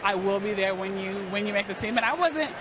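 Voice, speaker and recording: Against clear stadium sound at an outdoor ballpark, a young American woman from New York, early twenties, talks earnestly and conversationally as an interviewed athlete. Her medium-pitched voice is expressive and brisk.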